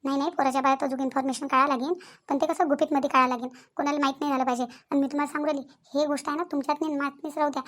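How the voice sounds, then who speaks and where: Worried village women from a cartoon family drama are performed by a woman with a high, fairly bright voice, a Vidarbha Marathi accent and fairly even intonation. She speaks quickly and emphatically, fretting and repeating words in homey, colloquial phrasing.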